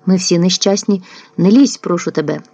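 A woman voicing a gruff, irritated man who speaks curtly and brusquely. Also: on the low side, normal speed, mellow, no echo. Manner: curt, brusque. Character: gruff, irritated man pushing someone away. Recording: dull lo-fi dry recording.

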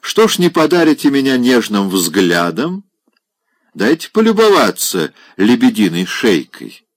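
A coarse older general trying to charm a lady, talking loud and high-pitched, as a male narrator acts him out. His taunts rise and fall widely in pitch. The voice sits dry and close to the microphone. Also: huge pitch swings, no room sound. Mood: mocking. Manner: loud, mocking, drawn-out exclamations.

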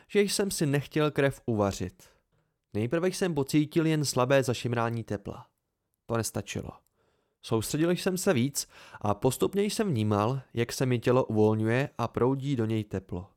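A man narrating a first-person fantasy novel as an amateur audiobook reader, in a measured, even storytelling way. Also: mid-range voice.

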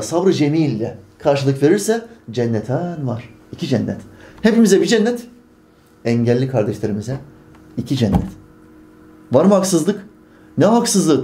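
Man preaching an emphatic sermon, warm voice. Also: a little high. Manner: emphatic, rhetorical questions to the congregation.

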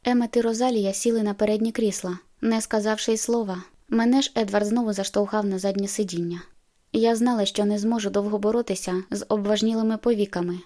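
A woman reading an audiobook in an even, subdued way. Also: medium pitch. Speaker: audiobook narrator. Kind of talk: scripted narration.

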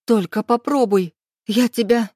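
A woman voicing a frightened but defiant young woman held captive, snapping back in shrill, indignant outbursts. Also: fairly quick, dark tone, no room sound, studio quality, close to an everyday voice.

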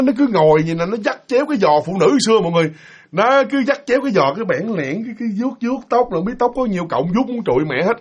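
A man telling a ghost story in casual spoken narration, animated and acting out the quoted voices. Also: high voice, husky. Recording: dull lo-fi recording.

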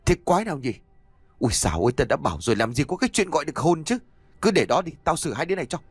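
A man's voice: fairly high pitch, big pitch swings, racing, breathy edge, dry recording, voice pushed up. Man doing a scoffing brutal accomplice. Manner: dismissive, scoffing. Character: scornful male accomplice, brutal and impatient.

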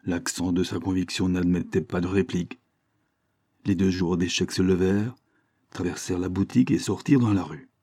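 Deep, dark-voiced male storyteller. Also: no room sound. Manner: measured, expressive storytelling. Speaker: reader. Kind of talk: literary short story reading.

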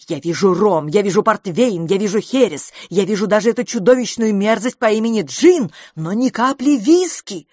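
A woman voicing a brash young man who loudly and mockingly demands a drink, in a lively audiobook reading. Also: normal speed, dry recording, clean studio sound. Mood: indignant. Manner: booming, bossy and mocking.

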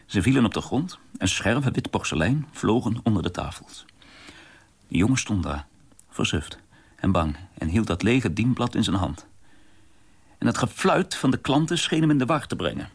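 Deep gravelly man reading a diary aloud. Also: sing-song, normal speed. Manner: introspective, often dropping to a husky near-whisper. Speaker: narrator reading a diary-form novel. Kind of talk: first-person literary reading for radio.

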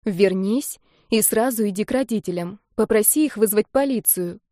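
A woman's voice: mid-range voice, normal speed, mellow, no room sound, studio quality, lightly acted. A woman reading an audiobook, voicing a wounded, frightened but determined young woman who speaks urgently and pleadingly. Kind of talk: audiobook character voice.

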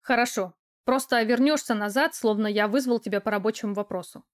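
A woman's voice: a little high, brisk, lightly acted. A woman reading a confident male boss. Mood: easygoing.

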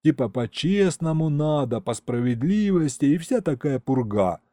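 A man's voice: fairly high pitch, lively intonation, moderate pace, dark tone, no room sound, close to an everyday voice. A male reader voicing a cheeky imp henchman who talks in street slang and keeps saying boss. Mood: boastful.

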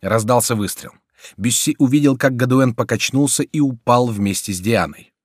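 A man narrating a historical adventure audiobook in a dramatic, measured reading. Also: medium pitch, breathy edge, dry recording, studio quality. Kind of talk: scripted narration.

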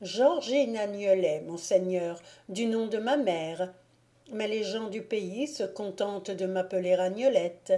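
Woman doing a gentle pleading peasant girl. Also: medium pitch, unhurried, close to an everyday voice. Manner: humble and beseeching.

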